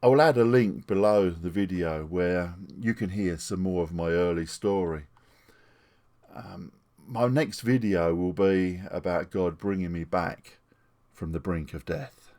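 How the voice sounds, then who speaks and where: Unhurried and low, with a darkish tone, a retired pastor in his sixties from England talks to camera about his life. The delivery is earnest and plain, captured through a desktop microphone.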